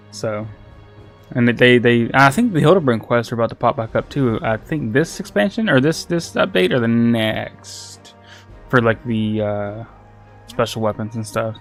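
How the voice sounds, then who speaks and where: A male game streamer chats casually with his viewers, rambling through restarts and repeated words. His voice sits at an everyday middle pitch. Faint game music runs underneath. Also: fairly bright tone. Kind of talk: casual livestream gaming chat.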